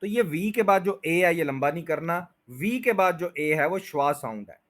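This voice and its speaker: A man's voice: on the high side, expressive, moderate pace. A man teaching English pronunciation, patiently repeating each word and stretching its syllables. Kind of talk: pronunciation lesson explained in Urdu/Hindi.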